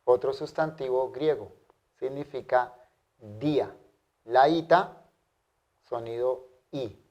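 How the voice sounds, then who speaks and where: A man teaching a language lesson, modeling pronunciation carefully and repeating words slowly for his students. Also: medium pitch, darkish tone, lo-fi sound. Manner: careful, drawn-out pronunciation drills. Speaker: Greek teacher. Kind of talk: slow, deliberate language lesson.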